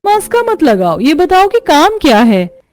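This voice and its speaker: A woman's voice: sits high, huge pitch swings, moderate pace, dry recording, voice pushed up. A woman voicing an arrogant rich village woman in a cartoon story, talking down at others with a scornful, snapping manner. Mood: haughty.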